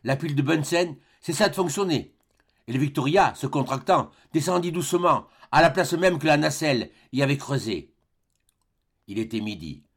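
Man with a slightly high voice narrating a story. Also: animated, breathy edge. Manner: measured, dramatic storytelling. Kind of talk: scripted audiobook narration.

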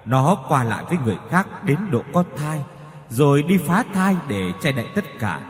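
A man's voice: fairly high pitch, very animated, normal speed, a little hiss or hum. A man voicing the ghost of a young man who died wronged, speaking with bitter grief and gritted teeth over faint music in a reverberant space.

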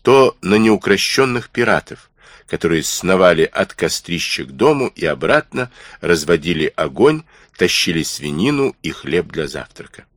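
A man reads a classic adventure story in a deep, husky voice with lively intonation. The recording is close and dry, with no room around it. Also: moderate pace, dry recording. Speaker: audiobook narrator. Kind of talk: scripted first-person narration.

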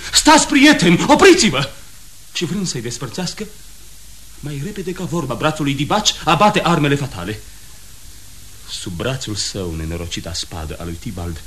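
A man's voice: fairly high pitch, fairly bright tone. A man voicing an earnest young nobleman in a radio play, recounting a deadly sword fight in careful detail. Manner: measured, detailed retelling. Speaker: Benvolio.

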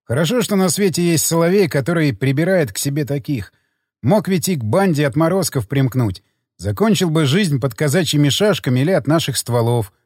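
A man's voice: on the high side, lively intonation, fairly quick, a little mellow, dry recording, clean studio sound. A man doing Polukrov, a confident veteran. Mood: assured. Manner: assured. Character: confident veteran male soldier.

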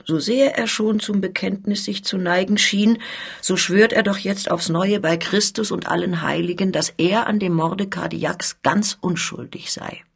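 A woman voicing a formal, persuasive male police officer in a dramatic reading, her voice husky. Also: mid-range voice, fairly even intonation, moderate pace. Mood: urgent.

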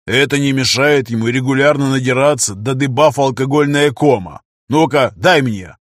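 A man's voice: medium pitch, moderate pace, no room sound, clean studio sound, close to an everyday voice. A man voicing a grumpy male fairy-inquisitor who grumbles and gets riled easily. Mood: annoyed. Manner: gruff, grumbling.

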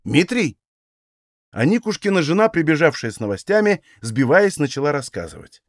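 A man reading a classic novel aloud in a measured storytelling manner. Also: a little high, big pitch swings, no room sound, studio quality. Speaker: audiobook reader. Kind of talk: literary audiobook narration.

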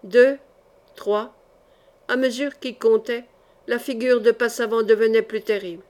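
A woman's voice: on the high side, steady tone, moderate pace, a little mellow. A woman reading a historical adventure novel aloud as an audiobook, with dramatic delivery. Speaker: audiobook reader.

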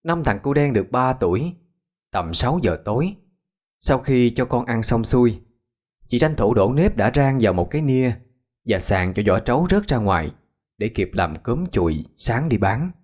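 A man narrating a ghost story in a slow, somber way. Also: medium pitch, very animated, darkish tone.

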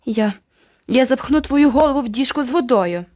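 A woman's voice: mid-range voice, big pitch swings, brisk, slightly rough, dry recording, studio quality, voice pushed up. A woman voicing a sulky, hot-tempered little boy in a storybook reading. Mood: furious. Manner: shouting threats.

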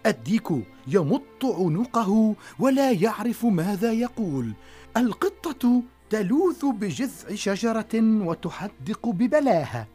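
A woman narrating a children's story in an expressive, dramatic way. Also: medium pitch, breathy edge.

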